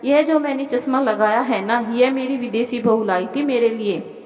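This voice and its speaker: A woman voicing a bossy, scheming older woman of the house who talks in a sharp, mocking, commanding way. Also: on the high side, normal speed, reverberant, long reverb tail, muffled recording, natural voice. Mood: scolding.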